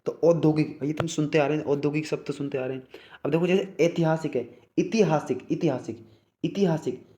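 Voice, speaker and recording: A man's voice: on the high side, fairly even intonation, quick pace, warm tone, reverberant. A man teaching a spelling lesson for exam prep, repeating words and checking in again and again. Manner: repeats words, keeps asking "okay brother?".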